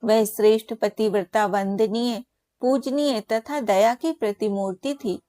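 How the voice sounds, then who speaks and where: A woman voicing the creator god Brahma as a wise male elder, telling the tale in a solemn, measured way. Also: fairly high pitch, mellow, no room sound, clean studio sound, lightly acted.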